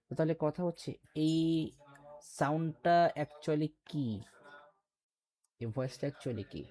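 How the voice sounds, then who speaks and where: A man's voice: a little high, slow pace, dark tone. A man teaching a computer class, explaining step by step and quizzing his students with questions. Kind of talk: classroom lecture.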